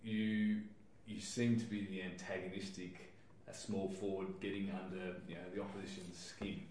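A man's voice: deep voice, little pitch movement, moderate pace, a little mellow. Distant, very echoey Australian male interviewer. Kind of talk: casual conversational interviewing. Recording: very echoey, distant, faint noise.

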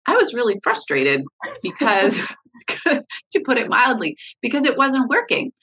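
A woman's voice: fairly high pitch, very animated, a little slow, fairly bright tone, slightly rough, muffled recording. A woman, a mother, talking candidly in an interview about her parenting, with many fillers and restarts. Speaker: parent guest sharing her story.

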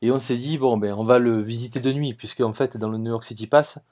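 A man with a southern French Marseille accent hosts a travel podcast and tells his stories with eager enthusiasm. He repeats words and restarts sentences as he goes, speaks to his listeners directly, and his voice sits in a middle pitch. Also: steady tone, fast, a little mellow. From southern France. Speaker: podcast host. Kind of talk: travel storytelling.

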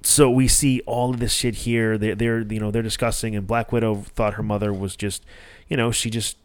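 A low-voiced man hosts a casual podcast, recapping a movie scene by scene. He rambles and restarts his sentences often, dropping curse words freely. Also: level tone, moderate pace, smooth. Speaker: podcast host.

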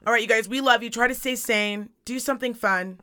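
A woman co-hosting a casual podcast, her voice hoarse, raspy and strained as if nearly gone, talking bluntly with plenty of slang. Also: fairly high pitch, a little fast, bright, forceful tone. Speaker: podcast co-host. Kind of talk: casual chat. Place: studio.

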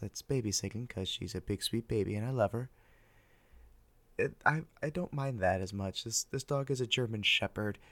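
An older man hosting an ASMR podcast, speaking softly and whispering close into the ear in a wry, deadpan ramble. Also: on the low side, no room sound. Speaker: podcast host. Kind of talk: soft ASMR podcast monologue.

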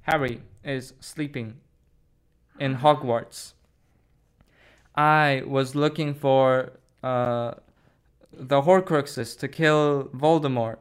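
A performer voicing a wise old male wizard headmaster, speaking slowly in a lowered, solemn voice, in pretend play with a small child. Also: fairly even intonation, clear, resonant tone.

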